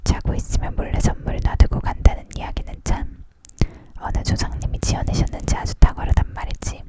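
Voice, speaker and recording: A reader voicing a gruff, boastful male Santa Claus in a whispered role-play of a storybook, grumbling and justifying himself. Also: brisk, lightly acted.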